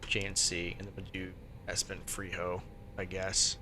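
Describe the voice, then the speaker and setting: A man's voice: monotone, moderate pace. A man streaming as a virtual pilot, casually thinking aloud and muttering to himself as he works through steps. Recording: faint background noise and low rumble.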